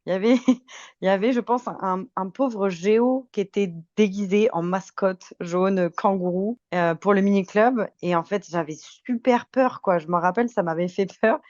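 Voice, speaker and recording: Speaking at normal speed in a medium-pitched, darkish voice, a twenty-something Frenchwoman with a faintly Québécois-tinged accent chats casually and with good humor as a podcast guest, telling anecdotes. The sound is lo-fi with no echo.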